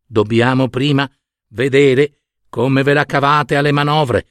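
A man's voice: medium pitch, steady tone, a little slow, fairly bright tone, no room sound, clean studio sound, lightly acted. A man voicing a bossy mother stork in a storybook reading, drilling her chicks with counted beats. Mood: firm.

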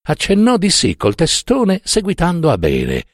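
A man narrating a classic short story in an expressive, dramatic reading. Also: fairly high pitch, unhurried, dry recording, clean studio sound.

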